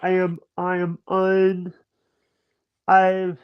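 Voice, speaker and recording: A livestream guest in his thirties chats casually over a video call, his high voice coming out in halting, stammering bursts with many restarts. His delivery is completely flat and smooth, while the stream audio sounds dull and lo-fi.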